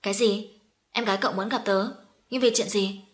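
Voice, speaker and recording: A woman's voice: medium pitch, steady tone, brisk, lightly acted. A woman reading the lines of a young man who is shocked and frightened for the woman he loves. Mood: stunned. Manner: alarmed, crying out. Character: young man, startled and distraught lover.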